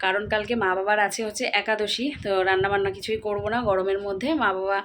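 A woman, chatting quickly and casually to her viewers while vlogging at home. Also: medium pitch, level tone, fairly bright tone, slight background noise. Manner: rapid chatty talk with fillers. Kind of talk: casual vlog chat to viewers.

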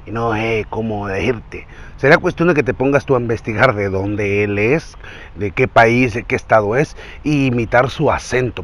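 A man teaching voice impressions in a casual, chatty way. He speaks quickly, often asks the viewer whether they are following along, and keeps his voice at a middle pitch. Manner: quick, chatty delivery with frequent check-ins to the viewer. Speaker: voice impression youtuber. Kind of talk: casual tutorial.

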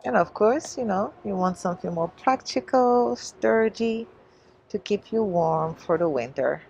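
Inside a large shoe store, a woman shopping vlogger chats casually to viewers and muses aloud as she browses. Her medium-pitched voice is animated and measured, with vocal fry and a darkish tone; the highs are cut off and faint store noise sits in the background.

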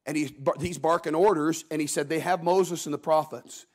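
Casting note: male preacher, high voice, folksy storyteller, acts out voices in the stories he tells. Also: fairly even intonation, normal speed, darkish tone. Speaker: guest preacher. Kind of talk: sermon. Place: church.

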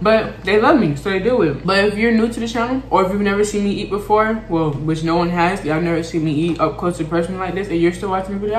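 Young woman vlogger, low voice, casual frank chatter while chewing, echoey room. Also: fairly bright tone, a little hiss or hum. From Florida, USA. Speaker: mukbang vlogger. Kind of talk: casual chat while eating.

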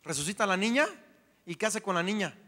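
Bright-voiced animated male preacher. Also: high voice, fast. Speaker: pastor. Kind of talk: sermon. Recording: long hall reverb.

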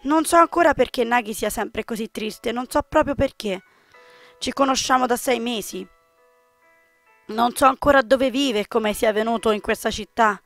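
Woman, fairly high voice, reading game narration aloud, expressive, faint music behind. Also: normal speed, dry recording. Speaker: gamer reading a visual novel aloud.

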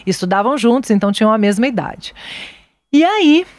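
A parenting educator talks on a podcast, telling stories with animated energy. Her voice is high and swings widely in pitch. The sound is close and dry. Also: fairly quick, dry recording. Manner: animated storyteller, acts out voices. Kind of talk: casual podcast chat.

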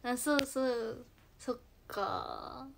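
Extremely slow and creaky, with a fairly high pitch, a young idol livestreamer from Kochi, Japan, chats in Tosa dialect and responds to comments. Her soft voice occasionally sinks into a whisper.

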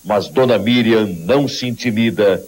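A man's voice: fairly low pitch, normal speed, darkish tone, poor audio. A man reading campaign ad voice-over in a grave, urgent, warning tone. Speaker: campaign ad announcer. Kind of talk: dramatic voice-over narration.

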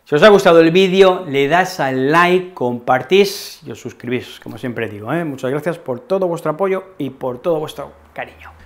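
A man with a Spanish accent teaching a language lesson to camera, expressive and often checking in with "¿vale?". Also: on the high side, moderate pace, few pauses. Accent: Spain. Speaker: Spanish teacher, channel host.

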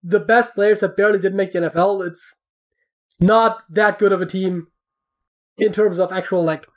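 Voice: medium pitch, fairly even intonation, normal speed. Rambling explainer full of fillers. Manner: explains at length with many fillers and restarts. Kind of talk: casual chat.

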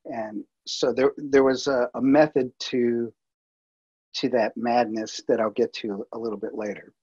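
A man's voice: mid-range voice, steady tone, a little slow, darkish tone, breathy edge, lo-fi sound. A man presenting a workflow over slides in a webinar, talking casually with many fillers and restarts. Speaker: multimedia producer presenting.

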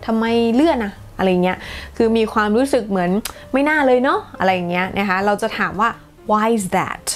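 A woman hosting a casual English lesson, chatting in a lively way and mixing English phrases into her explanations. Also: mid-range voice, normal speed, faint music behind. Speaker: English teacher and channel host.

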